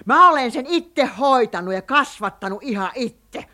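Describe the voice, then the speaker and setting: An actress playing an excitable centuries-old witch who dotes on her cat, in a children's radio play, with a lilt. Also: sits high. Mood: proud. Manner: giddy, boastful, bossy.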